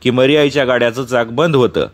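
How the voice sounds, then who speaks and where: A man voicing a gruff old village elder. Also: medium pitch, fairly even intonation, fast talker, natural voice. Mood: stern. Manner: gruff, commanding rustic speech.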